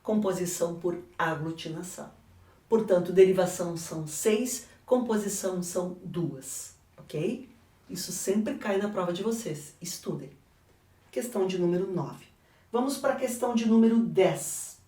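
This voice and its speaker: A woman's voice: fairly low pitch, normal speed, warm tone. A woman teacher with a Brazilian Portuguese accent, correcting an exam in a didactic way and asking and answering her own questions. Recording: echoey room, voice from a distance.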